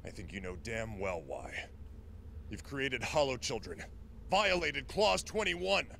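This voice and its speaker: An actor playing a blunt, hot-headed sergeant in a video game, gruff and commanding. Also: male voice, medium pitch, very animated, takes it slowly, sharp tone, a little hiss or hum, exaggerated voice. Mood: firm.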